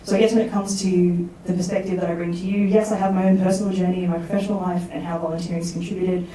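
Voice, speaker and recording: A woman speaking at a workshop, quickly inviting the students to ask her questions. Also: lowish voice, level tone, mellow, slight background noise. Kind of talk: casual presentation. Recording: echoey room from far off.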